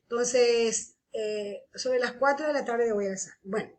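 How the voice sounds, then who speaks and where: Slow, patient teacher woman explaining grammar. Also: on the high side, darkish tone. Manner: checks in with a questioning "¿sí?" after points. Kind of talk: online grammar lesson.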